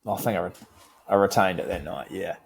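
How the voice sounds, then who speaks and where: A young man with a broad New Zealand accent and a fairly low voice. He chats like he is among mates, loose and slangy, circling back over his own phrases as he goes. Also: fairly quick, gravelly, crowd noise. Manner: laid-back, slangy, repeats himself. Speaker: podcast co-host. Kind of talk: casual banter between mates.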